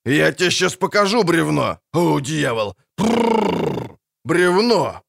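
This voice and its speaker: A man voicing a grumpy, foul-mouthed dwarf wagon driver in an audiobook, gruff and barking. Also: fairly high pitch, very animated, unhurried, a bit bright, no echo, pitched above the performer's own voice, full character voice. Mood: angry. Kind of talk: audiobook character voice.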